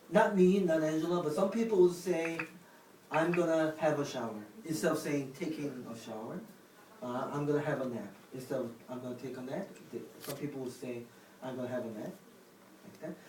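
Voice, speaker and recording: A man casually explaining words to the camera, speaking haltingly with restarts and non-native phrasing. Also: fairly high pitch, a little mellow. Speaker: vlog host explaining words. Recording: echoey room from a distance, faint noise.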